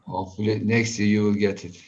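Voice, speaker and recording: A man chairing an online conference session over a video call, speaking haltingly with many hesitations. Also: lowish voice, level tone, a little mellow, a little hiss or hum. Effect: heard over a video call. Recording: dull video-call audio.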